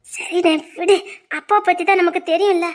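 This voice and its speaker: A woman's voice: extremely high pitch, level tone, moderate pace. A young woman, acting a kind younger sister who soothes and consoles. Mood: calming. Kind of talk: web series drama acting.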